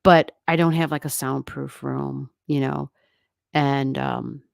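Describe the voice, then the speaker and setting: A woman with a rumbling low, gravelly voice talks slowly in a level tone on her astrology livestream. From a home room with no soundproofing she chats casually with viewers, often rambling and laughing. Her desk mic sits halfway down, and the sound is clean, studio-like and echo-free.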